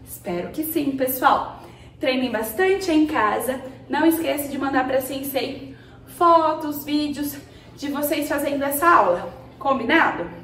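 A woman's voice: high voice, expressive, measured pace, recorded from a distance, slight background noise. A woman with a Brazilian Portuguese accent teaching an online karate class, counting commands and encouraging her students patiently. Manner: counts commands and calls out short shouts. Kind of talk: online martial arts class instruction. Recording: echoey room, voice from off-mic.

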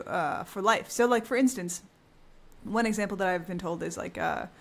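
A woman of ordinary pitch hosts a casual podcast chat. She talks in a relaxed, thoughtful way. She hedges her points with frequent filler words. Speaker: podcast host. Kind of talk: casual conversation.

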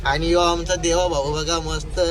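A man's voice: on the high side, level tone, moderate pace, a crowd in the background. A man with an Agri-Koli Marathi accent chatting casually and teasing friends for his vlog. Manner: teasing, joking. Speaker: vlogger.

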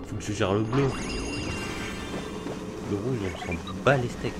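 A man playing a video game and commenting casually, excitable and slangy, swearing at the game now and then. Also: on the low side, unhurried, music in the background. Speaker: gaming youtuber. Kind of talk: casual let's play commentary.

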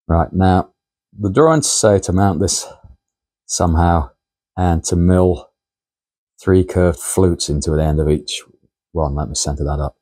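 Speaking at a low pitch with a darkish tone, this man is unhurried and pauses often. He runs a casual model engineering show from his indoor home workshop, chatting viewers through each step at his machines, captured by a tripod-mounted camera.

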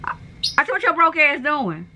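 A young woman with a Southern US accent trash-talking strangers on a video chat app in loud, sassy, teasing banter. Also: high-pitched, big pitch swings. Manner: sassy, teasing, drawn-out shouting. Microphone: phone or computer with video chat.

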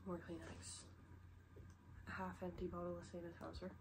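A young adult vlogger with a stuffy head cold sits on her bed and rambles through a casual show-and-tell chat, using lots of "like." Her voice is fairly low, flat and at normal speed, picked up by a camera set low in front of her in a noisy home recording.

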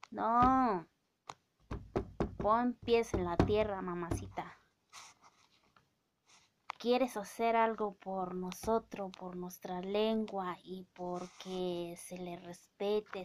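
Holding her phone camera at arm's length in a small bookshelf-lined room, a Mazatec-speaking vlogger in her thirties from Oaxaca, Mexico, scolds her viewers in a casual rant, her Spanish carrying a Mazatec accent. She's indignant, stretching her words out and using lots of fillers. Her mid-range voice comes over a noisy background.

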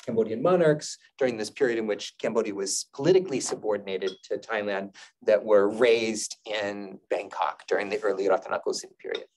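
A middle-aged man gives an academic lecture over slides on a video call, thoughtful and measured, often pausing on filler sounds. His voice sits fairly low and he is a little distant from the webcam mic, so the sound is slightly far off. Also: a little mellow. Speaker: lecturer on Buddhist poetry.

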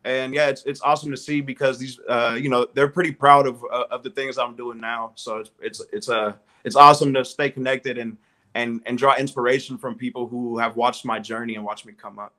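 Appearing as a guest on a casual video call, this strength and conditioning coach from Southern California sounds friendly and upbeat. He speaks a little fast in a steady, bright, forceful mid-range voice, repeating words as he thinks.

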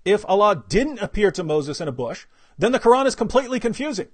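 A man with a fairly high voice hosts a live online discussion. He talks in an animated, lively way, laughing and mimicking the people he argues against. The sound is dry and close, with little room around it. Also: fast, slightly rough, no room sound. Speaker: host.

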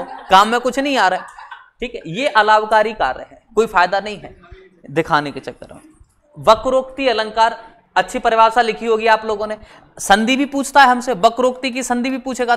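A man teaching an online exam-prep class, talking casually, explaining with everyday examples and slowing down to stress key definitions. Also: very high voice, a bit bright, clean tone.

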